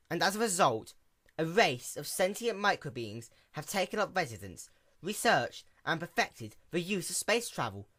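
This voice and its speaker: A narrator playing an earnest, wordy storybook pony. The exposition is grave and hammy, delivered in a raised voice with lively pitch. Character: earnest, verbose pony explaining an absurd space war.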